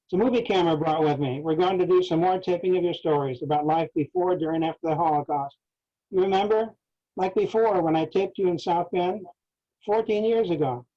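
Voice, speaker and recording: A man's voice: high-pitched, fairly quick, natural voice. A man reading the lines of a patient interviewer who reassures an older man. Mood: reassuring. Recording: dull lo-fi recording.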